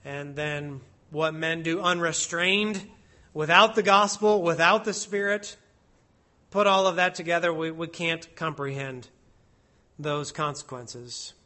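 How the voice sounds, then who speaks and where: A man preaching an expository sermon, slow and deliberate, stressing each word as he reads out Hebrew and Latin phrases. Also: on the high side, steady tone, sharp tone.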